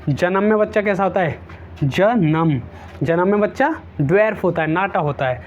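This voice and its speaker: A man's voice: high-pitched, animated, moderate pace, dull audio, slight background noise. A man teaching an exam-prep vocabulary lesson, repeating each word several times and using playful memory tricks.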